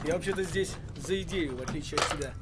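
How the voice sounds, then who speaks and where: A man plays a hot-headed Ukrainian militia commander in a war film, sneering and barking in a high voice. Loud noise runs behind him. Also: fast, natural voice. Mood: irritated, bossy. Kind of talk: film drama acting.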